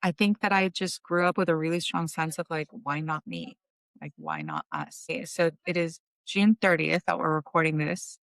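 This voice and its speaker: Creaky-voiced woman from Costa Rica. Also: deep voice, sing-song, moderate pace, dry recording. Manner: thoughtful, fluent storytelling with fillers. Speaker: venture fund founder, guest. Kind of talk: casual interview talk.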